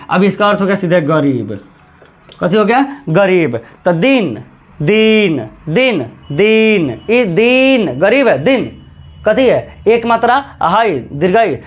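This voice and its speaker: A man teaching a grammar lesson, repeating words slowly and drawing out chanted examples. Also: high-pitched, muffled recording.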